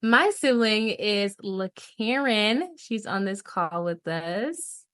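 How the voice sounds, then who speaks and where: A woman's voice: mid-range voice, animated, slow, fairly bright tone, no echo. A woman joins a podcast conversation over a remote call and takes her time with every word. Her voice is dry and close, with no room sound around it. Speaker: podcast guest. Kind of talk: casual podcast chat.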